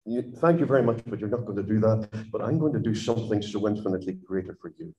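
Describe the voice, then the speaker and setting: God as a soft, hushed, kindly male deity turning someone down tenderly, as a man puts him on in a sermon. The voice sinks lower and quieter than the surrounding preaching. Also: expressive, quick pace, lightly acted. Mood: gentle.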